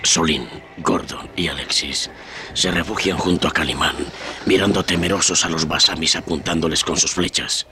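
A man's voice: sits low, fairly even intonation, moderate pace, lightly acted. A man narrating an adventure radio serial as a grave, suspenseful storyteller. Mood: tense.

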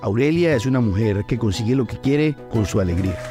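A man giving calm scripted narration for a documentary. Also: medium pitch, fairly quick, music in the background.

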